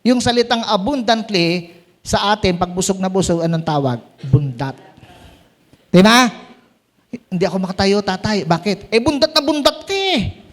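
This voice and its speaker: High-voiced, lively man preaching. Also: moderate pace. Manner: animated, asks the congregation questions and jokes. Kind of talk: Tagalog sermon at a prayer meeting. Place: church meeting room.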